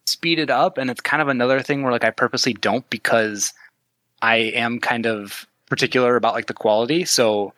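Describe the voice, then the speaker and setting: A man's voice: mid-range voice, fairly quick, pushed and bright, dry recording. A Canadian man talking as a guest on a podcast, joking and chatty, often restarting his sentences. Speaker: guest, maker of 3D-printed retro decor. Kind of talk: casual podcast chat.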